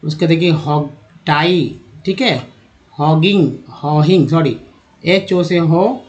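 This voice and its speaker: A man's voice: a little high, slow, dull audio. A man from India teaching English pronunciation step by step, often asking the viewer questions. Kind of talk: spoken phonics lesson.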